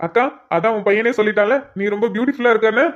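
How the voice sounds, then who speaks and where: Woman voicing a fast-talking cheeky friend. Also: a little high, lo-fi sound, close to an everyday voice. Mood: cheerful. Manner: teasing, chatty. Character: cheeky young male friend. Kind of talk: cartoon drama voice acting.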